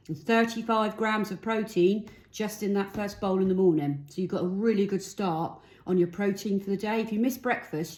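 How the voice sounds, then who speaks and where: A woman's voice: mid-range voice, a little mellow. A woman with a Cockney accent chatting casually and informally as she explains and demonstrates food for a vlog. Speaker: vlogger. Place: indoors at home. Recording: echoey room with light noise, clicks.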